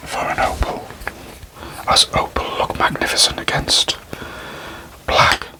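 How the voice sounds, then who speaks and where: A man performs a whispered role-play in the manner of an ASMR creator. His voice is a breathy whisper with no full voicing. He takes his time, phrasing gently and deliberately with unhurried pauses. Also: low-quality recording. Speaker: ASMR creator addressing viewers.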